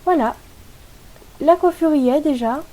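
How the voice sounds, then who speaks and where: A woman giving a casual tutorial voice-over for a video game, chatty and explanatory, pausing often to hesitate as she goes. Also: sits high, mellow. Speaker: gaming tutorial host.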